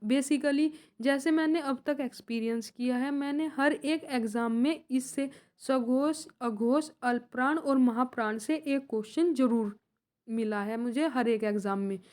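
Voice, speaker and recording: Slow-speaking woman teaching a lesson. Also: high voice, a little mellow. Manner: slow, repeats points as questions and answers. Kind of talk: exam-prep grammar lesson.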